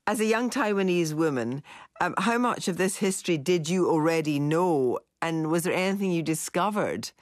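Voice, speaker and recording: A woman's voice: on the low side, lively intonation, moderate pace, dry recording, clean studio sound. A woman radio interviewer asking probing, articulate questions of a guest. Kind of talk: broadcast interviewing.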